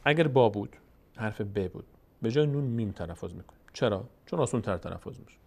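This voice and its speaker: Man, lowish voice, Quran reading teacher, patient, repetitive, drawn-out demonstration syllables. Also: animated, gravelly, a little mellow. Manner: patient and repetitive, stretching out sounds when demonstrating; asks and answers his own questions. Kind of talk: step-by-step recitation lesson.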